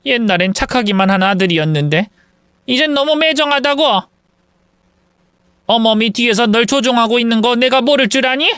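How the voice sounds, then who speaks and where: A man voicing a bitter older mother-in-law who scolds and accuses in a shrill, raised voice. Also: expressive, normal speed, fairly bright tone, smooth, dry recording, studio quality. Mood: reproachful.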